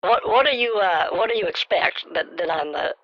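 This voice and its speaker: A man talking through a pitch-shifted voice changer on a call, earnestly lecturing the other caller and repeating his name. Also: lively intonation, fairly quick, vocal fry, no room sound, muffled recording. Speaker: scam baiter on a call. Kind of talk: phone call confrontation.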